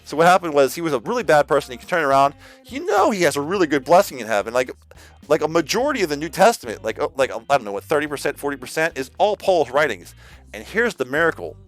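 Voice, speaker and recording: Rambling animated male streamer preaching. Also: fairly high pitch, fast talker, soft background music. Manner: rambling, full of "like" and repeated restarts; slangy, addresses listeners as "man". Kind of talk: casual off-the-cuff preaching.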